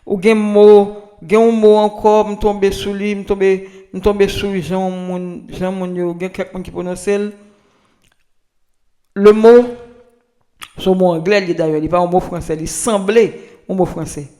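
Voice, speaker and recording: Halting high-voiced Haitian man teaching. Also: level tone, dark tone. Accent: Haitian Creole. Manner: repetitive, halting, many restarts. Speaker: language tips presenter. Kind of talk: informal spoken lesson.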